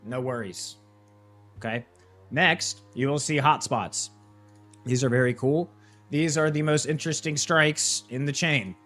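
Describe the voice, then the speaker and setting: A young man, mid-range and a bit bright in tone, speaks a little slowly as he hosts a live screen-share walkthrough of a trading platform, faint music in the background. His style is casual and filler-laden, with constant "right?" and "okay?".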